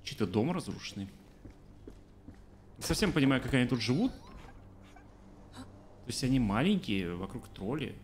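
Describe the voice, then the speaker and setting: A man in his thirties streams a game from a small room at home, joking with chat and reading subtitles aloud in casual let's play commentary. His medium-pitched voice comes through a desk mic with webcam framing, carrying a slight hiss or hum, while game music plays behind him.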